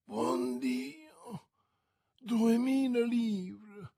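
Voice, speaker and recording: A man's voice: on the high side, slow, a little mellow. A man voicing a faint-voiced thrifty wife. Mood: anxious. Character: anxious thrifty middle-aged wife. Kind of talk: audiobook reading.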